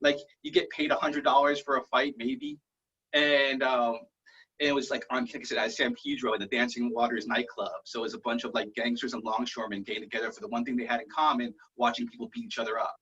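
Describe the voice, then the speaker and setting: A man doing a halting, rambling stand-up set over a video call, full of fillers. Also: mid-range voice, a bit bright, breathy edge, lo-fi sound. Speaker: stand-up comedian.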